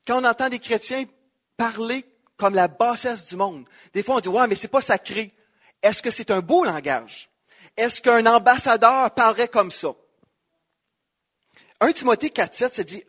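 A man's voice: sits high, a bit bright. A man with a Quebec French accent preaching a sermon, emphatic, repeating key phrases and quoting scripture. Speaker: pastor.

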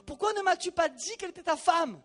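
A man's voice: very high voice, animated, fast talker, a bit bright, pitched above the performer's own voice. A preacher voicing an exasperated ancient king. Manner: colloquial, blunt.

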